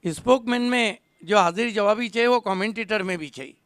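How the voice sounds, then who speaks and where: A male commentator calls a live tennis-ball cricket match with quick wit, rising to loud calls on big moments. His voice sits high and bright with a smooth, crisp tone, recorded close and dry. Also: no echo.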